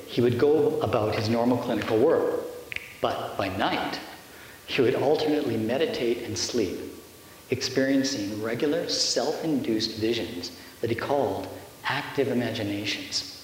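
A man giving a measured, explanatory lecture-style narration. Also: medium pitch. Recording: echoey hall with faint hiss.

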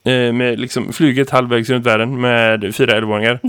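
A man in his thirties co-hosts a casual podcast. He tells a long, rambling anecdote with plenty of fillers and asides. His voice sits at an ordinary middle pitch and sounds close and dry, with no room echo. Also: clean tone. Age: 30s. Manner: lively rambling storyteller, many fillers. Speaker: podcast co-host and teacher.

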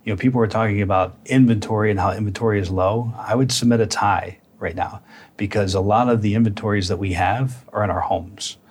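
A man's voice: lowish voice, fairly even intonation, fairly quick, a little hiss or hum. A man speaking as a guest commentator, conversational and informal, with rhetorical tags.

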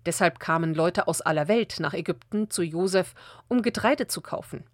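A woman reading a Bible passage aloud as a measured audiobook narration, slowing down for the quoted speech. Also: lowish voice, no room sound, clean studio sound. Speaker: Bible reader.

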